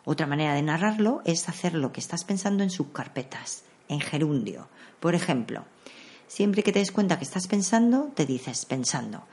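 A woman with a low, soft voice talks through meditation practices in a relaxed podcast monologue. She speaks calmly and conversationally, explaining each practice gently. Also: normal speed. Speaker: podcast host.

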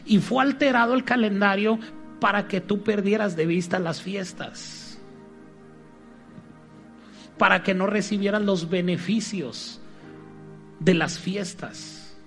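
A man's voice: sits high, slow pace, pauses often, a bit bright, soft background music. A man preaching a sermon with humor, getting the congregation to repeat his lines to each other.

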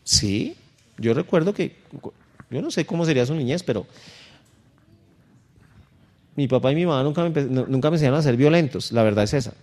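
A man's voice: mid-range voice, expressive, a little fast, long pauses, a little mellow. A middle-aged man, a pastor preaching a sermon in a conversational, storytelling way that speaks directly to his listeners.

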